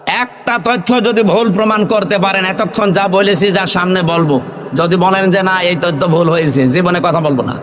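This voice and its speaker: A man with a Bangladeshi accent preaching an Islamic sermon in a booming, forceful voice, prompting his listeners with questions. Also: moderate pace, a little hiss or hum. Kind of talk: waz sermon to an audience. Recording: long reverb of a PA system.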